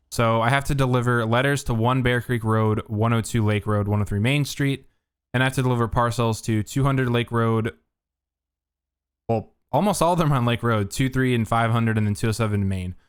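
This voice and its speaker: A man giving relaxed, think-aloud commentary while streaming a game. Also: mid-range voice, clear, resonant tone. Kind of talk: casual gameplay commentary.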